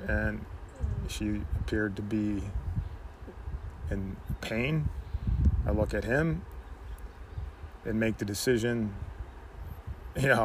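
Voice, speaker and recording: A man telling a personal story in a halting way, full of "you know" fillers. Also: fairly low pitch, a little hiss or hum, rough recording.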